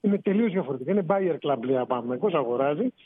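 A man, a sports reporter phoning in to a radio show, explaining in an animated way. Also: a little high, slightly rough. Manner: explanatory, animated, rising emphasis. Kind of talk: sports radio phone-in analysis. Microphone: phone. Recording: tinny phone line on radio.

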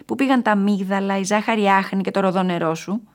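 A woman's voice: mid-range voice, natural voice. A woman voicing a thoughtful, amused male pastry chef who teases, in a storybook reading. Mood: teasing. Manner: teasing, amused.

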